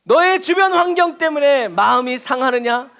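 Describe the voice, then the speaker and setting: A preacher voicing God in slow, booming declamation, calling the listener to cry out to him. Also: male voice, lively intonation, a bit bright, exaggerated voice. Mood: pleading. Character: God speaking, commanding and tender.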